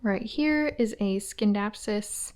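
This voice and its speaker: Walking through her small old house, a woman names her houseplants one by one in a relaxed, chatty tour, sometimes slipping into a whisper. The plant vlogger sounds out of breath; her voice is medium-pitched, slow, and a little mellow.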